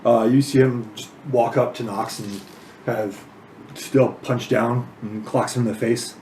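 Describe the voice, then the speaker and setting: A man narrating a tabletop game as game master, slow and halting, with many fillers. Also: mid-range voice, fairly even intonation, a little mellow. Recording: echoey room with background noise.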